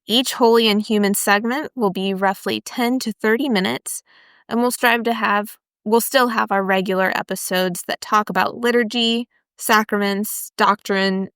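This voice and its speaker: A woman's voice: mid-range voice, normal speed, a bit bright, clean tone, no room sound, clean studio sound. A young adult woman from Florida hosting a podcast, chatting enthusiastically and sharing her own story. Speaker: podcast host. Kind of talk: casual podcast chat.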